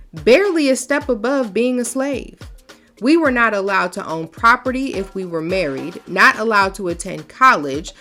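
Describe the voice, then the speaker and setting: A woman with a medium-pitched voice reads a picture book aloud for children in an expressive, folksy storytelling style. Afterward she talks to her young viewers.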